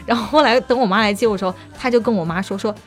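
A woman's voice: medium pitch, very fast, faint music behind. A woman co-hosting a casual chat show, telling childhood stories with many restarts and giggles. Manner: chatty storyteller, lots of restarts and giggles. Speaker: radio show co-host.

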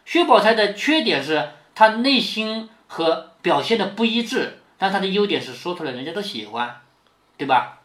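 A man's voice: high voice, moderate pace. A man reading a classic novel to his daughter and explaining it, often checking with questions as he goes. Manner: keeps checking with rhetorical questions; lively, acts out quoted lines. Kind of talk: explanatory storytelling lesson. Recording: roomy echo.

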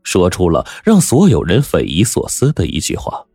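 Deep-voiced dramatic male storyteller. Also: normal speed, breathy edge, dry recording, clean studio sound, soft background music. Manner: expressive, swinging pitch for drama.

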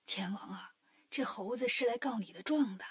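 Woman doing a soft-spoken old court official. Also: on the high side, fairly quick, no echo, studio quality, natural voice. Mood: hushed. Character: old male court official, mild peacemaker.

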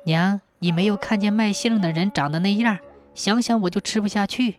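A woman voicing a timid young bride in a folk tale, speaking softly and earnestly. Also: medium pitch, a little fast, faint music behind, natural voice.

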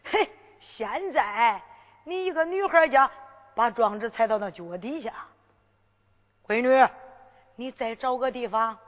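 A fatherly emperor in disguise, as a woman performer plays him in Henan zhuizi storytelling, talking in a high, lively Henan accent that teases and scolds in turn. The recording sounds dull and lo-fi, with a long hall reverb trailing behind. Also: a little slow, long pauses. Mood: fatherly, teasing. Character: disguised emperor posing as a wandering fortune-teller, fatherly.

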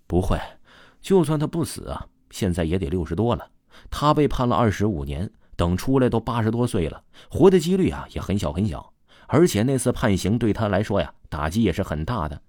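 A man's voice: on the low side, sing-song, fairly quick, a little mellow, no echo, studio quality. A man voicing a talkative middle-aged male swim coach in a read-aloud story. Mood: confiding.

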